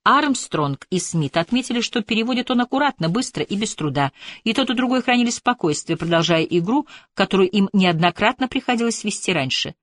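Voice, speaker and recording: A woman reading an audiobook in an even, measured narration. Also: medium pitch, no room sound. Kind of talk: scripted narration.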